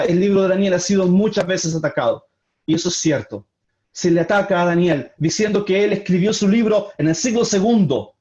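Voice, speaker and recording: High-pitched guy teaching a bible study, earnest, keeps restating stuff, kinda dull lo-fi sound. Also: darkish tone. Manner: earnest, repeats and restarts phrases while explaining. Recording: dull lo-fi audio.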